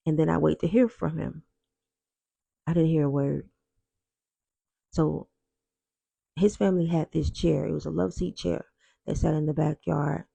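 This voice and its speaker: A man telling his personal testimony in an earnest, reflective way, often pausing and repeating himself. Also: a little high, steady tone, warm tone, no echo. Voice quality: gravelly.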